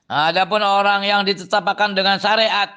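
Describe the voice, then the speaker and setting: High-voiced Cirebon-accented man teaching scripture. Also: normal speed, clean tone. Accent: Cirebon Javanese-tinged Indonesian. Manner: animated, exclaiming and chuckling often. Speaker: Islamic boarding school teacher. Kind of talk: reading and explaining a classical religious text.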